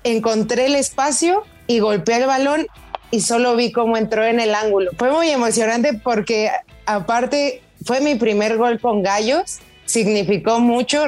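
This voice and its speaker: Chatty Mexican woman, brisk and lively. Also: a little high. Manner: animated storyteller, many fillers like "o sea". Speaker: professional footballer, interview guest. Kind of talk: casual interview answers.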